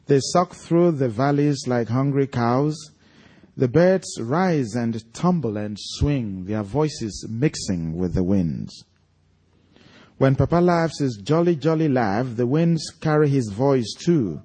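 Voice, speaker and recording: A man with a Nigerian accent and a dark-toned, mid-range voice speaks and reads aloud from his own story to an audience at a live event, where he appears as the author.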